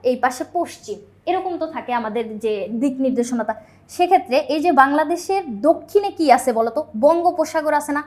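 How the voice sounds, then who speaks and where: A young woman with a Bangladeshi Bengali accent teaching a biology exam lesson, explaining step by step and answering her own questions. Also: high voice.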